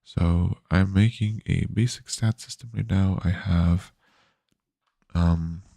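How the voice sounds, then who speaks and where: A man's voice: low voice, steady tone, slow pace, vocal fry, mellow, no echo, clean studio sound. A man streaming his game development work, talking casually and sleepily with many fillers and restarts. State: yawny. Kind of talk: casual live-stream devlog.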